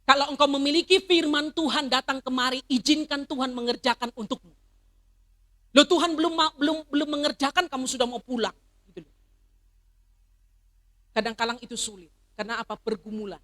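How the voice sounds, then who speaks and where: A middle-aged woman pastor preaching a sermon, swinging from loud emphatic declarations to soft personal stories. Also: high-pitched, fairly quick, long pauses. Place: church service.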